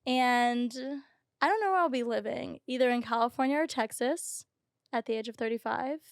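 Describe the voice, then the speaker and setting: Chatty young woman, smooth clear voice. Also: a little high, normal speed, no echo, clean studio sound. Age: 20s. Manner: chatty, laughs often, says "um" and "like". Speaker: podcast guest. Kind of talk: casual chat.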